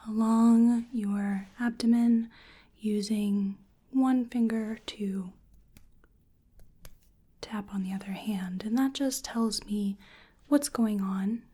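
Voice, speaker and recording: A woman's high-leaning, breathy whisper carries an ASMR medical-examiner role-play. Gentle and hesitant, she murmurs softly to herself.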